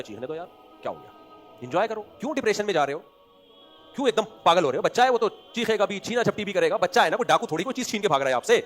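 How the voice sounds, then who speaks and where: Male preacher, Pakistani Urdu accent, rapid delivery, slightly high voice, loud then hushed, faint music underneath. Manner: swings between loud emphatic points and quiet asides; rhetorical questions answered himself. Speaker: religious scholar giving a lecture. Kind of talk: Islamic sermon to an audience.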